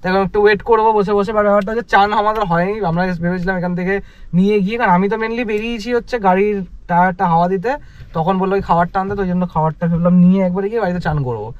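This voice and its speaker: A man's voice: sits high, quick pace, dull audio. A man hosting a casual vlog, chatting through his day in running commentary. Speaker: vlog host. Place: home and out on errands.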